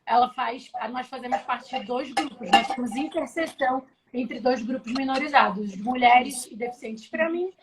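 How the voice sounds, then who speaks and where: Joining a casual live chat as a guest, a tech professional from Belém, Brazil, talks over a video call, explaining her ideas in a relaxed way with frequent restarts. Her voice sits high and moves at a moderate pace, but the recording is very noisy.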